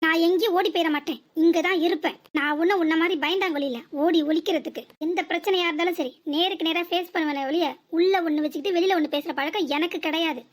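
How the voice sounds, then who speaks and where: Woman doing a cheeky cartoon daughter with a southern tamil nadu accent, sarcastic comebacks, super high squeaky voice. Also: quick pace, few pauses. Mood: mocking. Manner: mocking, sarcastic retorts. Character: sharp-tongued defiant young married daughter. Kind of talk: cartoon comedy dialogue.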